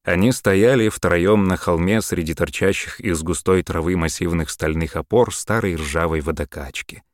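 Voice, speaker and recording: A man narrating an audiobook in a steady, expressive storytelling manner. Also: low-pitched, moderate pace, no room sound, clean studio sound. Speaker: audiobook reader.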